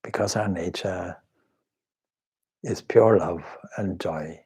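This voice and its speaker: A swami leads a slow spoken guided meditation in a husky, breathy, low-pitched voice with a dark tone. He speaks in measured, reverent short phrases, pausing between them.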